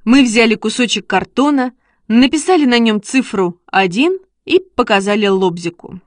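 A woman reads a children's story aloud with lively storytelling. Her voice is high, and the recording is close and dry, with no room echo. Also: moderate pace. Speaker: narrator. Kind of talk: storybook reading.

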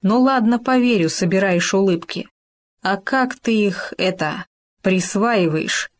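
A woman plays a big male wolf from a storybook, blustering and a bit dim. He drawls his words slowly and sounds puzzled as often as threatening. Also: medium pitch, lightly acted. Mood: gruff. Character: big gruff predatory male wolf, slow-witted. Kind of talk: storybook reading.

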